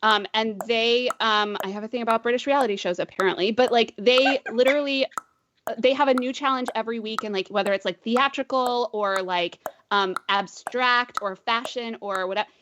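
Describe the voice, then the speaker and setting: A woman with a sibilant voice, chatting quickly and giggly as a podcast co-host who does voiceover work. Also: fairly high pitch, noisy background. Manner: quick, giggly, says "like" a lot. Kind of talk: casual chat.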